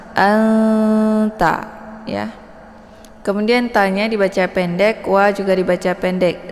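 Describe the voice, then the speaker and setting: A woman teaching Quran recitation in a slow, patient tajwid lesson, explaining each letter and then modeling its sound. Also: fairly low pitch, long reverb tail.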